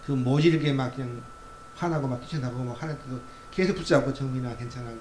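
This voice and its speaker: A man's voice: mid-range voice, fairly quick. A male pastor giving a Sunday sermon in a church sanctuary. He preaches in a conversational way, with many fillers and acted quotes. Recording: roomy church sound with faint hum.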